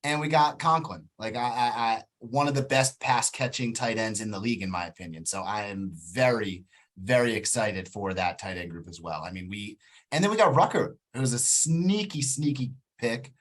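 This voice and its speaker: A man's voice: fairly low pitch, moderate pace, a bit bright. A man co-hosting a fan podcast, chatting about football in a laid-back way, often trailing off at the ends of sentences. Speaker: podcast co-host. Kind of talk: casual sports chat.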